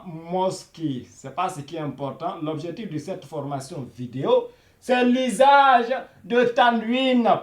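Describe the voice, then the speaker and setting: A man teaching a beginners' Arabic video lesson, repeating each word slowly and saying "voilà" and "hein" all the time. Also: high voice, roomy sound. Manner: slow and repetitive, repeating each word many times; says "voilà" and "hein" constantly.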